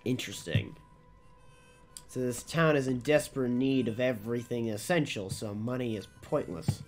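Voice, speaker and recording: A man's voice: medium pitch, moderate pace, faint music behind. Man musing through casual game commentary. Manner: musing aloud, sweary. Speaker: game streamer.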